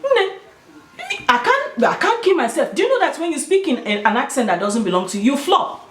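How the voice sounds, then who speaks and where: Animated woman with an Igbo Nigerian accent. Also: high voice, normal speed. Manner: emphatic, with Igbo interjections. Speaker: video host. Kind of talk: casual opinionated talk to viewers. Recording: roomy, echoing sound.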